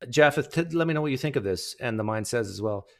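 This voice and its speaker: A man hosting a casual online debate call. He talks loosely, with a joking, drawn-out delivery, at an ordinary middle pitch. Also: lively intonation, vocal fry. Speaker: host of an open online hangout.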